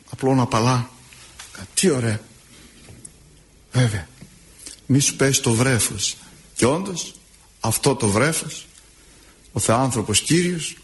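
A man preaching a sermon as an Orthodox preacher, telling stories in an expressive, drawn-out way. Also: mid-range voice. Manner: expressive, drawn-out storytelling delivery.

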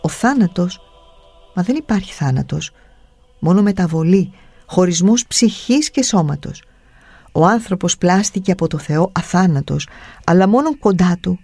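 A solemn male monk, gentle and unshakable, preaches in a slow, measured voice that sits a little high, as a male narrator gives him voice. Faint music runs underneath the storybook telling. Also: animated, creaky, dry recording, heavily acted.

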